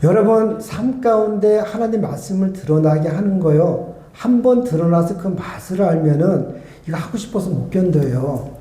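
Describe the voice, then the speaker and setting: A male guest pastor preaching a sermon and telling a personal story, acting out remembered conversations and moving between loud and hushed speech. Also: high voice, expressive, moderate pace. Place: church sanctuary. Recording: echoey church hall.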